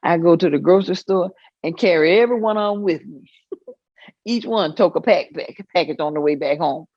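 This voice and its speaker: In this staged oral-history reading, a woman with a fairly low, natural-sounding voice portrays a Southern US mother, older, proud and amused, spinning folksy tales with chuckles at a moderate pace. There's no room sound, and the highs are cut off.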